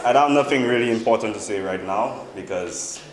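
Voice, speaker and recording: A man's voice: fairly low pitch, fairly quick. A young man introducing himself casually, cocky and joking, as a contestant. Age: young adult. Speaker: dating show contestant. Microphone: handheld microphone. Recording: echoey room, music behind.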